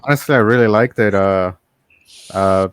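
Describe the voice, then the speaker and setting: Man, low smooth voice, hesitant, lots of fillers, dry sound. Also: normal speed, no room sound. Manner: hesitant, many ums and uhs. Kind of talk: casual group chat.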